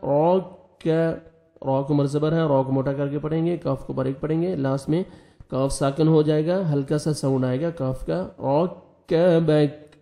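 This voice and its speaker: A man with a Pakistani Urdu accent teaches recitation of the Quran in a mellow voice that sits a little high for a man. He spells out each syllable by letter and vowel mark, then recites the words in a slow, loud, drawn-out way. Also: steady tone, vocal fry.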